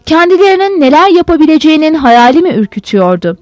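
A woman reading a novel aloud as a narrator with expressive storytelling. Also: sits high, fast, dry recording. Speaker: audiobook narrator. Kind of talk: scripted narration.

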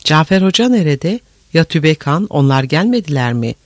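A man voicing a desperate, heavy-set khan pleading for help in an audiobook, in a high, strained voice. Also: very animated, moderate pace, no room sound, clean studio sound. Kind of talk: audiobook character voice.

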